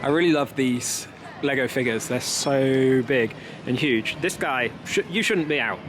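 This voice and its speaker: Holding the camera at arm's length outdoors, a young British theme park vlogger chats casually to his viewers. He speaks a little slowly at medium pitch, against a noisy background with music.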